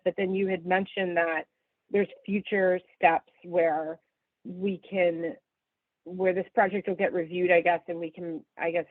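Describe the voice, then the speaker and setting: A woman's voice: lowish voice, no room sound. A woman speaking over the phone as a member of the public at a meeting, polite and hesitant, with many fillers. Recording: tinny dry phone line.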